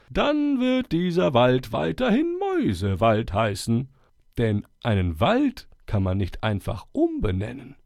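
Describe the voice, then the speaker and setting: A man voicing a wise, friendly old male owl who chairs a forest meeting, speaking slowly and stately with hooting calls. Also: on the high side, creaky, darkish tone, dry recording, studio quality, pitched above the performer's own voice, full character voice. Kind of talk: storybook character voice.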